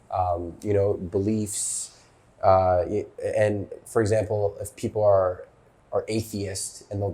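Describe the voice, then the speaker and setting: Low, mellow-voiced young man. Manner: halting, frequent restarts and fillers. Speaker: panelist. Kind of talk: casual discussion.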